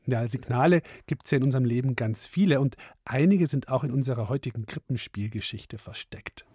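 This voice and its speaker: A man's voice: mid-range voice, a little fast, darkish tone, husky. A man hosting a children's radio podcast, chatting directly to young listeners. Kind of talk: casual friendly presenting for children.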